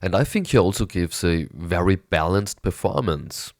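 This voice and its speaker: A man with a raspy, hoarse voice from a cold, rambling enthusiastically through a casual film review with hesitant restarts. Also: deep voice, expressive, normal speed, no echo, clean studio sound. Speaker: movie review vlogger.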